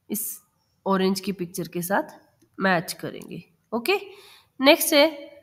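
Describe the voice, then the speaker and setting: A woman teacher with a fairly high voice takes a children's textbook lesson at a very slow pace. She reads each English line aloud carefully, then explains it in Hindi mixed with English, repeating words so a young child can follow. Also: a bit bright.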